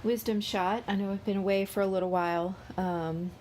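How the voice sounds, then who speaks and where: A woman host giving a casual spiritual card-reading vlog, sounding low on energy and slightly unwell with a cold, talking haltingly. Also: fairly even intonation, darkish tone, slight background noise. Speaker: host of a daily tarot reading.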